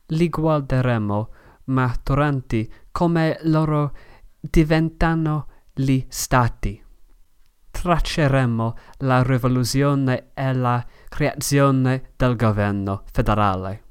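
A native English speaker from Manchester, England, hosts a scripted podcast in Italian with an English accent and halting, learner-like phrasing. His voice is mid-range and smooth.

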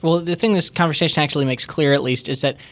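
A man with a fairly high voice joins a casual podcast panel. He is upbeat and laughs easily while making his points. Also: quick pace, a bit bright.

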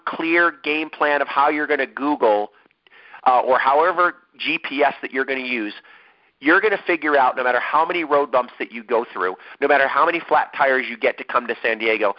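A male coach pushes his point with urgent conviction, repeating phrases to drive it home. His voice sits at an ordinary pitch. The sound is slightly dull, like audio from an online call. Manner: emphatic, repetitive, urgent. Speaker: network marketing coach. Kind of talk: motivational webinar talk.

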